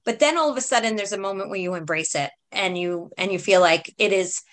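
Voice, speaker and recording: A woman's voice: mid-range voice, a little fast. A woman hosting an interview, effusive in her praise and asking long, rambling questions filled with "you know". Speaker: interviewer host. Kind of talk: conversational interview.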